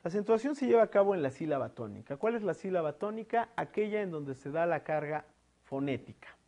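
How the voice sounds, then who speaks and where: Un hombre con acento mexicano que da una clase grabada de gramática, explicando paso a paso con muletillas como "eh" y "este" y preguntas como "¿no?". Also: male voice, fairly high pitch, expressive, fairly quick, dark tone. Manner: explanatory, with frequent fillers "eh" and "este" and tag "¿no?". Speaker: teacher. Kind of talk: recorded online lesson.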